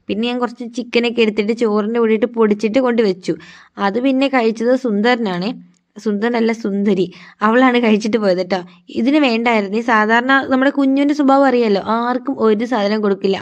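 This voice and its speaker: Quick, chatty woman vlogging about her cat. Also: a little high, dull audio. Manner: chatty, tender, ends sentences with "ട്ടോ". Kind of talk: casual vlog narration. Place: home with pet cats.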